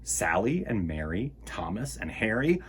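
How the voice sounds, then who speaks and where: The host of a children's storytime show, a man with a fairly low pitch, reads a picture book at a measured pace. Theatrical and playful, he addresses young listeners directly with animated exclamations and gasps. A little hiss or hum sits in the background.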